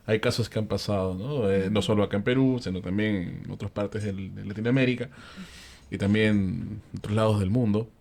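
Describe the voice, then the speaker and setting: A man with a Peruvian accent telling a ghost story in a relaxed panel chat, acting out the characters' lines and using frequent fillers. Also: lowish voice, a little fast, gravelly. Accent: Peruvian Spanish. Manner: animated storyteller who acts out the characters' lines; frequent fillers and tag questions.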